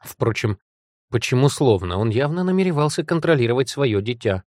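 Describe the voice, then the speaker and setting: A man reading a first-person fantasy novel aloud, with steady, even narration. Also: medium pitch, moderate pace, no echo, studio quality. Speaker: audiobook reader. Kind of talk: scripted narration.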